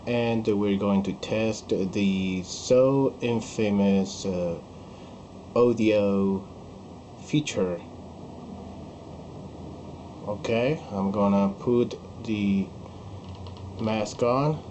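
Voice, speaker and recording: A man testing a toy mask in a casual vlog, talking outdoors into a camera and often halting to search for words. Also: fairly low pitch, fairly even intonation, mellow, a little hiss or hum, low-quality recording. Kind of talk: casual product test vlog.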